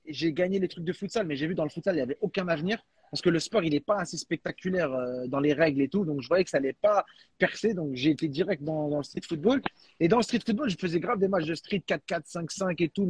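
Husky, animated young-sounding Frenchman. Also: a little high, no echo. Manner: animated, restarts and repeats words, slangy. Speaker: guest, freestyle football creator. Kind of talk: casual chat.

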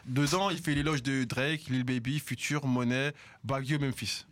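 A man's voice: mid-range voice, fairly even intonation, moderate pace, a bit bright, slight background noise. A man with a Belgian French accent hosting a casual hip hop radio show, joking and reading news items with many fillers. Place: radio studio.

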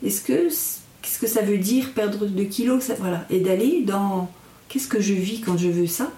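In a reverberant room, a woman talks at some distance from the microphone. Her voice sits at a middle pitch. She explains reflectively and haltingly as an interviewed instructor, often searching for the right words. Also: mellow. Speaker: mindfulness instructor and guest.

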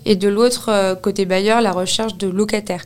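A Parisian woman in her twenties, an office real estate consultant, chats about her career as a podcast guest. She speaks at normal speed in a mid-range voice, relaxed and conversational, often saying "euh."

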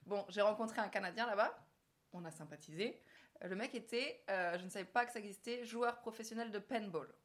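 A young woman hosting a casual podcast chat, telling travel stories with a lively, laughing manner. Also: medium pitch, brisk. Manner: lively storyteller, laughs often. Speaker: podcast host.

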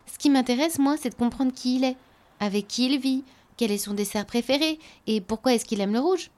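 An eager, determined young girl from a read-aloud storybook, as a woman reader puts her on. The voice sits well above the reader's own low tone and presses each point. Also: fairly quick, a little mellow, lightly acted.

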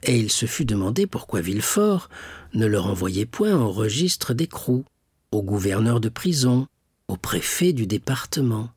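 Male audiobook narrator, husky, lively pitch, dry close recording. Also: dry recording. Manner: measured, expressive reading. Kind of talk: scripted narration of a classic novel.

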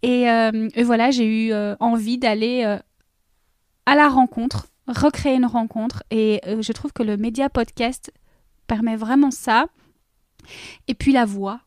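Expressive woman podcaster, dry close sound. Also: a little high, measured pace, dry recording. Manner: expressive, searching for words. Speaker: podcaster guest. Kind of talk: casual interview talk. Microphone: studio microphone.

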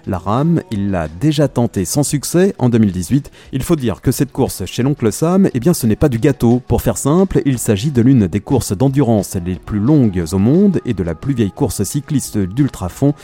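A man's voice: medium pitch, animated, normal speed, few pauses, dark tone, breathy edge, soft background music. A male host reading a scripted, upbeat introduction to a sports story. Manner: upbeat, playful. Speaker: podcast host. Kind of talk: scripted narration.

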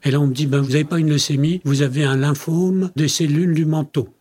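Husky older man telling stories. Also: on the high side, fairly even intonation, quick pace, a little mellow. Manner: tells anecdotes by acting out quoted dialogue. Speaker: company president interviewed as guest. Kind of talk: conversational interview storytelling.

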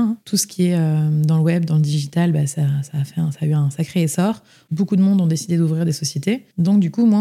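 A young French woman talks about her own life as an interview guest, chatty and full of fillers and restarts. Her voice is on the low side with a dark tone.

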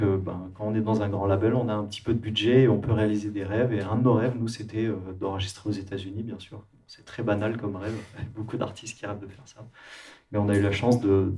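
A man from France, a musician and producer, talking in a relaxed interview with many hesitations and restarts. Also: fairly low pitch, recorded from a distance.

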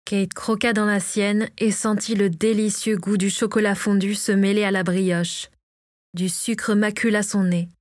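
A woman narrating a storybook chapter in a steady scripted reading. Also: mid-range voice, dry recording, clean studio sound. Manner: reads all characters herself, lightly varying her voice. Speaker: audiobook narrator.

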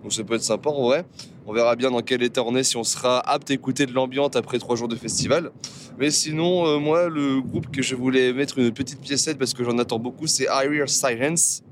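A man's voice: mid-range voice, fairly even intonation, a little fast, slight background noise. A French man chatting casually from inside a car, with a joking manner. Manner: joking, mock-grumpy. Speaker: podcast co-host.

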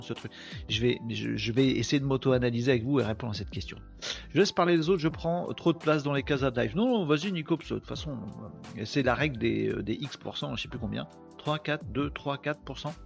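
A man with a northern French accent hosts a live podcast, rambling and joking as he chats with his viewers. His voice is gravelly with a lot of fry, at a middling pitch. Soft music plays in the background. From northern France. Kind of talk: casual live-stream chat.

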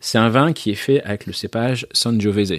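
A man's voice: lowish voice, normal speed, dry recording, studio quality. A man hosting a podcast, chatting casually through a wine tasting, describing it with many hesitations and fillers. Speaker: podcast host.

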